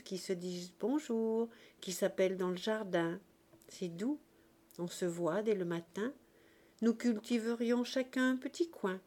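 A woman reading the part of a dying old man, gentle and resigned, speaking softly and slowly. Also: medium pitch, natural voice. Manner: soft, hushed, slow.

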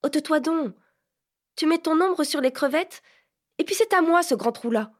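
A woman's voice: sits high, lively intonation, voice pushed up. A woman reading an audiobook, voicing a proud, impatient fifteen-year-old girl who snaps and bosses. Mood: irritated. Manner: sharp, quick, bossy. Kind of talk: audiobook character voice.

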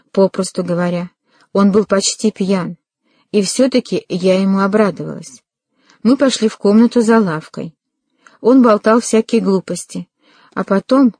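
A woman's voice: mid-range voice, dark tone, dry recording, close to an everyday voice. A woman voicing a proud young woman who turns hysterical and tearful, in an audiobook reading. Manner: stiff and prim, then hysterical and tearful.

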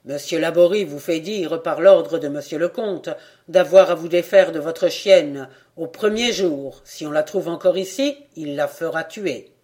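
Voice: medium pitch, a little slow, darkish tone, close to an everyday voice. A reader voicing a stern estate guard. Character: stern guard delivering the count's orders.

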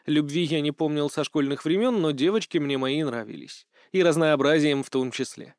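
A man's voice: on the high side, normal speed, darkish tone, no echo, studio quality. Man narrating an audiobook. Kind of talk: first-person audiobook narration.

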